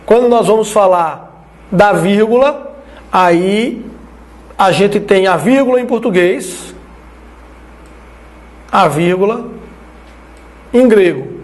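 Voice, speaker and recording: A man from Brazil teaching an online Biblical Greek lesson, explaining slowly and checking in with his listeners as he writes on the screen. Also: high voice, animated.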